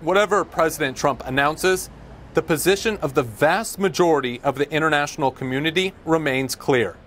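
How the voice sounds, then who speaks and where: A man delivering a field news report as a foreign correspondent, speaking outdoors in measured, formal tones. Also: on the high side, fairly bright tone, a little hiss or hum. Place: outdoors on a city street.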